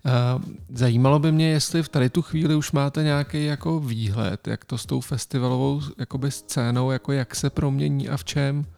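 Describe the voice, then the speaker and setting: A man's voice: mid-range voice, fairly even intonation, vocal fry, dark tone. A man interviewing a guest in a casual way, asking long rambling questions.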